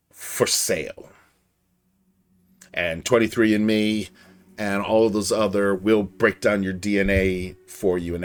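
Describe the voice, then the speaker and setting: A man streaming a game live, chatting casually and rambling off on tangents as he answers his chat. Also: lowish voice.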